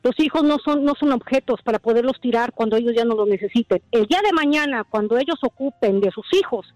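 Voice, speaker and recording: A woman's voice: a little high, fast talker, darkish tone, dry recording, rough recording. A woman from Dallas calling in to a radio show, firm and emphatic, lecturing her listeners. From Dallas, Texas. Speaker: caller. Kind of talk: radio phone-in opinion.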